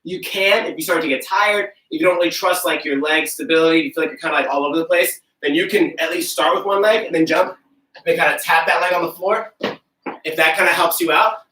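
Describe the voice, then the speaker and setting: Young male fitness coach, breathless, upbeat and casual, bright tone, picked up from across a roomy space. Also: on the high side, fast talker. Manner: upbeat, casual, talks while demonstrating. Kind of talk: live online workout instruction. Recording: roomy echo, from far off.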